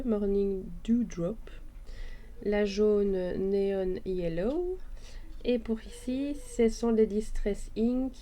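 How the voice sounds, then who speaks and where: A woman's voice: mid-range voice, mellow. A woman casually explaining her scrapbook page at her craft table, hesitant and full of fillers and restarts.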